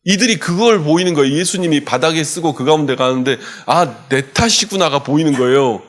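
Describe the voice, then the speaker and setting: A man's voice: fairly high pitch, fast. Impassioned male pastor preaching. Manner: impassioned preaching, swinging from loud urgency to hushed softness. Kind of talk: sermon. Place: church sanctuary.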